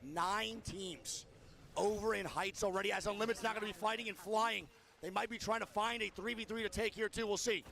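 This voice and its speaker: High gravelly hyped man casting esports. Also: steady tone, bright, forceful tone. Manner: hyped, swearing, rapid play-by-play. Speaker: streamer co-casting a watch party. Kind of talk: excited esports co-commentary.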